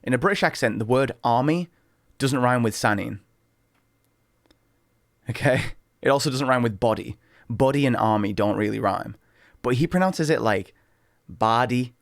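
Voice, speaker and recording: Excitable man rambling over a song. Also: medium pitch, moderate pace, vocal fry, pauses often, no echo, clean studio sound, soft background music. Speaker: reaction channel host. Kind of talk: casual music reaction commentary.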